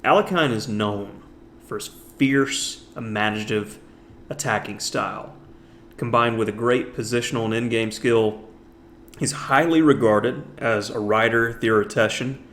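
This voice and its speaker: A man's voice: fairly low pitch, fairly bright tone, slight background noise. A man narrating a chess lesson, walking through a historic game move by move and stretching out the words he wants to stress. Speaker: chess instructor.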